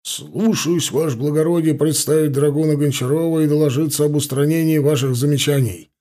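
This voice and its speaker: A man's voice: a little high, steady tone, fairly quick, mellow, close to an everyday voice. A man voicing an older veteran sergeant, servile to officers and grumbling among his own.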